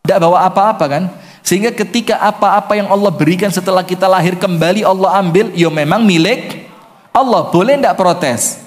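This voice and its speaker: A male preacher tells a story to his congregation in a fairly high voice, stopping often to quiz his listeners. His voice carries a long hall reverb. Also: normal speed. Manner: storytelling, asks the crowd questions. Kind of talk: sermon.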